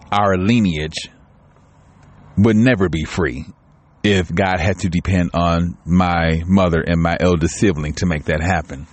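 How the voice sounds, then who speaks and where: A man's voice: low voice, a little mellow. A man talking candidly in a home vlog, rambling with many restarts and growing tearful. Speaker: channel host. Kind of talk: casual personal vlog talk.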